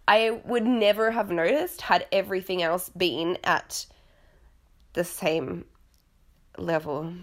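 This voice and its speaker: A young adult woman hosting a podcast, chatting casually about reality TV in a rambling, self-deprecating and exclamatory way. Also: mid-range voice. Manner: dramatic, exclamatory. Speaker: podcast host.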